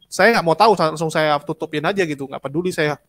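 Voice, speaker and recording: A man speaks quickly and insistently as an interview guest, often repeating himself to make a point. His voice sits a bit high for a man, and the sound is dry and close. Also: dry recording. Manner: animated, insistent, repeats words. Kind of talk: casual interview chat.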